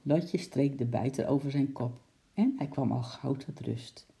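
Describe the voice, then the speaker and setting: A man reading a children's story aloud in lively storytelling style, switching into voices for the characters. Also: mid-range voice, unhurried, gravelly. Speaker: narrator.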